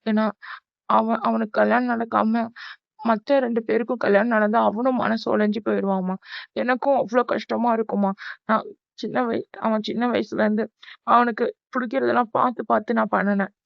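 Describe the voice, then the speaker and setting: A woman's voice: a little high, steady tone, fairly quick, vocal fry, dry recording. Lady doing a sly middle-aged cartoon aunt, begging and guilt-tripping, dry dull audio. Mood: pleading. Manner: pleading and emotionally pushy. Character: scheming middle-aged aunt, sweet to your face. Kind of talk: cartoon voice acting.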